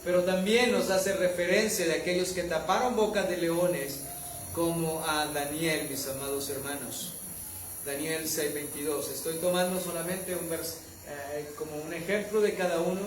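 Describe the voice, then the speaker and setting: A man's voice: a little high, fairly even intonation, moderate pace, roomy sound, recorded from a distance, background noise. A man preaching a sermon as pastor, addressing his listeners as beloved brothers and rising to fervent exhortation.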